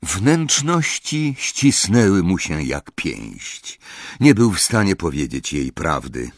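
A man reading an audiobook in a measured, expressive way. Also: deep voice, no echo, clean studio sound. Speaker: audiobook reader. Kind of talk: audiobook narration.

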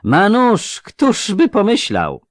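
A man voicing a lisping highway thug in an audiobook, speaking with a slight lisp and a sneer. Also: very animated, measured pace, no echo, clean studio sound. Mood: mocking. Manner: sneering, menacing. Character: lisping armed male highway thug, mocking. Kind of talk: audiobook character voice.

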